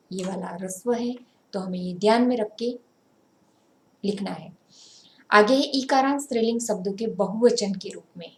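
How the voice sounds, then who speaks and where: Woman teacher, unhurried explainer, mid pitch, echoey room. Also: a little mellow. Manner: slow, explanatory, pointing things out. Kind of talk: grammar lesson. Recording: roomy echo.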